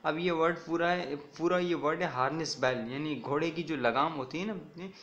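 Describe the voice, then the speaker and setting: Teacher mixing Hindi-Urdu and English. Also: male voice, a little high, a bit bright, dull audio. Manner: mixes Hindi-Urdu with English, repeats "ठीक है ना" often; reads English lines slowly, then explains them. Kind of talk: classroom lesson explaining an English poem. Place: recorded video lecture.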